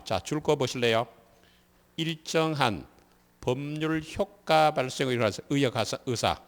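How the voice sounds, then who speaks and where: A man with a mid-range voice and a Gyeongsang Korean accent teaches civil law for a real estate licensing exam in a large hall. In this classroom lecture, he drills students with repeated quiz questions.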